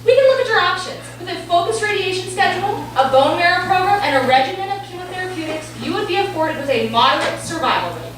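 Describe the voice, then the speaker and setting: A woman's voice: very high-pitched, big pitch swings, fast talker, few pauses, a bit bright, heavily acted. Actress doing a brash lady cancer doctor in a stage play, emphatic, really swoopy, distant in a super echoey room. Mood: clinical, evasive. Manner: theatrical, emphatic, switching to stiff medical jargon. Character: brash, foul-mouthed woman oncologist, evasive and clinical with patients. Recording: very echoey room, distant mic, faint noise.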